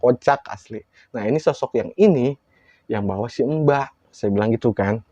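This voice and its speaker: A man telling a horror story in a casual, lively way, acting out quoted lines with big jumps in his voice. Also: mid-range voice, normal speed, no room sound, dull audio.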